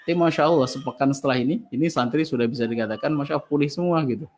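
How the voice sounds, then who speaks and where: Ustaz guy preaching and answering questions, lively storyteller, bit of faint noise in the background. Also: medium pitch, rapid-fire. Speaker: ustaz teaching an online study session. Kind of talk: religious lecture with Q&A.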